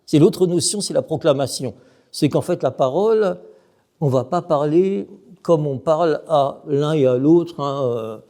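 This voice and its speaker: A man's voice: fairly high pitch, warm tone. A middle-aged man, a monk, giving an emphatic talk on Byzantine chant, sometimes chanting short examples and putting questions to his listeners. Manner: asks the audience questions. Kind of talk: explanatory talk with sung examples.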